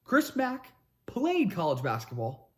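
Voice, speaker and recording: A young man hosting a sports talk show, recapping games in an excitable monologue that swings between calm recaps and shouted hype. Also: high voice, takes it slowly. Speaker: sports podcast host. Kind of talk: energetic sports commentary monologue.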